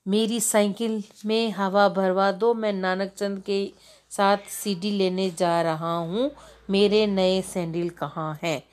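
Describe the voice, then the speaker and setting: A woman's voice: mid-range voice, fairly even intonation, slow pace, darkish tone, close to an everyday voice. An elderly grandfather who has turned childlike, sing-song and demanding, as a woman reads him in a storybook. He wants things done for him right away. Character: grandfather acting like a carefree child.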